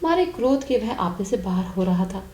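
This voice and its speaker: A woman reading a literary short story aloud in a soft, measured voice as a storyteller. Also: medium pitch, lively intonation. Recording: roomy, dull lo-fi recording.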